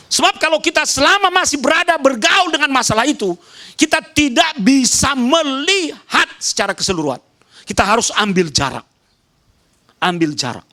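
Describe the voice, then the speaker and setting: Preaching with emphasis, a male pastor from Nias, Indonesia, alternates loud raised calls with soft low asides. He talks directly to the congregation and keeps repeating short phrases.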